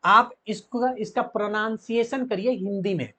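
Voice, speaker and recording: A man's voice: high-pitched, moderate pace, bright, forceful tone. Guy teaching grammar to kids, keeps asking questions then answering himself. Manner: asks pupils questions and answers them himself. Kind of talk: classroom grammar lesson.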